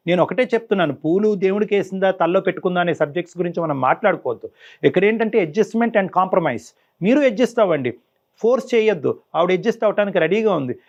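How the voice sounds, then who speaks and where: On a talk show, a family counsellor with a high voice gives emphatic advice, repeating words to stress his points. The recording sounds dull and muffled.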